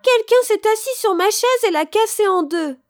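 A woman's voice: lively intonation, moderate pace, soft background music. A woman doing a wailing baby bear. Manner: very high, loud, wailing cries. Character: tearful little baby bear.

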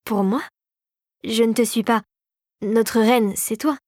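A timid, wondering fairy who was once a doll, read by a woman. Her hesitant voice sits fairly high and sounds dry and close. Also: steady tone, slow pace, a little mellow, no echo. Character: shy gentle fairy, former doll.

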